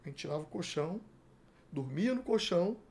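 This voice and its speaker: Gravelly high-voiced Brazilian pastor storyteller. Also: male voice, brisk. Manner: animated storyteller acting out dialogue. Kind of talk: telling his life story in a podcast interview.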